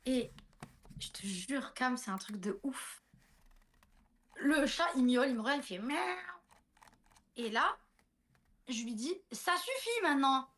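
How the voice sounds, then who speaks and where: A woman's voice: fairly high pitch, slow pace, long pauses, fairly bright tone. A woman in her thirties, a guest telling a personal story in a casual livestream chat, full of fillers and restarts, often speaking directly to her listener.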